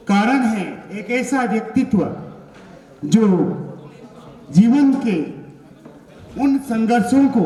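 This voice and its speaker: A man with a high voice announces from a stage, speaking slowly in drawn-out ceremonial phrases. He is picked up from far off, and the hall rings with heavy echo. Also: a little mellow. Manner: slow, declamatory, halting phrases. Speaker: event anchor.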